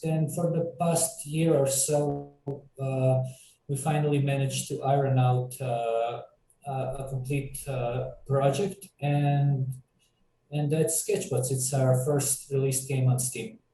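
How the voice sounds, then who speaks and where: A man's voice: medium pitch, flat delivery, takes it slowly, warm tone, reverberant, recorded from a distance, slight background noise, low-quality recording. A man from Croatia, a game developer, talking casually in an interview with many fillers and restarts.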